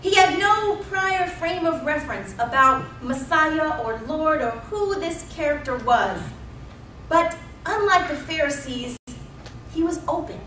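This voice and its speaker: A thirty-something woman pastor preaches in a church sanctuary, telling the story with emphatic repetition. Her high voice is expressive, pushed and bright, and a little slow. With the pulpit mic far away, the audio sounds roomy and off-mic, with a little hiss or hum.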